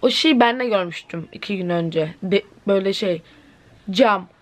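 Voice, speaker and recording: A woman's voice: mid-range voice, normal speed. An eighteen-year-old woman vlogging at home, telling a story in a chatty, dramatic way with exclamations. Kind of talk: casual vlog chat to camera. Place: at home indoors.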